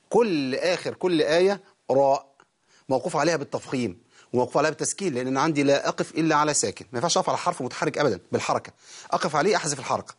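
Fast-talking Egyptian man teaching recitation. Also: a little high. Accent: Egyptian Arabic. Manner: explains fast, then recites words slowly to demonstrate. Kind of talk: live call-in tajweed lesson.

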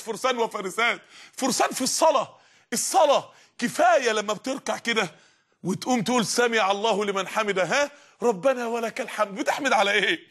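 A man's voice: high voice, bright, forceful tone, slightly rough. A man preaching with an Egyptian Arabic accent, fervent and emphatic, raising his voice at times. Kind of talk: energetic religious lesson.

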